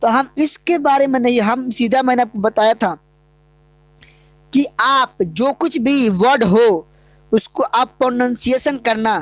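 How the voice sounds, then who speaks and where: A woman's voice: on the high side, unhurried, no echo. A woman teaching English grammar in an online lesson, asking the class questions and answering them herself.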